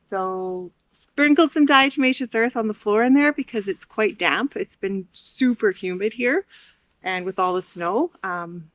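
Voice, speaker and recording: A woman's voice: mid-range voice, unhurried, no echo. Chatty woman vlogging outdoors. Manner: chatty, frequent ums, talks to viewers. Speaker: homesteading vlogger. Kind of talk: casual vlog narration. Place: outdoors by a snowy chicken coop.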